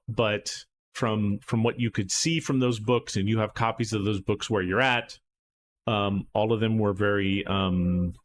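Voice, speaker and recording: A man's voice: on the low side, a little hiss or hum. A man acting as game master, recapping a tabletop horror game in a loose, rambling way full of fillers and restarts.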